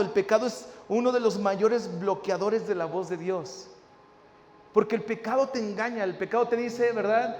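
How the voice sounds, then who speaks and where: A man's voice: sits high, darkish tone, a little hiss or hum. A male pastor preaching a sermon, building in intensity and often asking his listeners "¿verdad?". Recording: reverberant hall with faint ambience.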